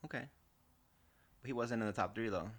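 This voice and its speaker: A man's voice: on the low side, fairly quick. A young man co-hosting a podcast, talking in a rambling, casual way with restarts and laughs. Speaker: podcast co-host. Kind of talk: casual chat.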